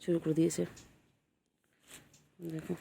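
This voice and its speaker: A woman's voice: a little slow, dark tone, a little hiss or hum. A woman filming her cats outdoors on a phone and cooing to them in sing-song baby talk. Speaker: pet vlogger. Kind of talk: casual vlog, cooing to cats.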